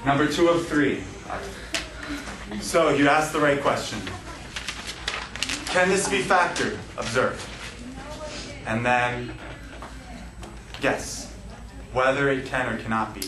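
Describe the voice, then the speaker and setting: A man's voice: medium pitch, slow pace, pauses often, a crowd in the background. A man teaching algebra to a class, joking and laughing as he quizzes his students. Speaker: math teacher. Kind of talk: classroom lesson. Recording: echoey classroom, distant mic, noisy.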